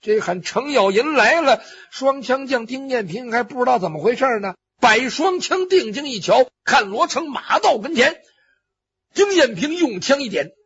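A man's voice: extremely high pitch, big pitch swings, moderate pace, a bit bright, husky. A man telling a traditional Chinese story vividly, with spoken sound effects and acted cries. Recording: dull lo-fi recording.

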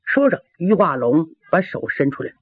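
A woman's voice: deep voice, sing-song, moderate pace, slightly rough, no room sound. A woman telling a traditional martial arts story dramatically, with vocal sound effects and rhythmic listing, on a tinny old radio broadcast. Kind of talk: traditional Chinese pingshu storytelling.

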